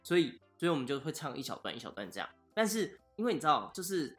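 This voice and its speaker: A man's voice: a little high, sing-song, fast, faint music behind. A man, co-hosting a casual podcast chat, chatty and self-mocking. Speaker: podcast co-host.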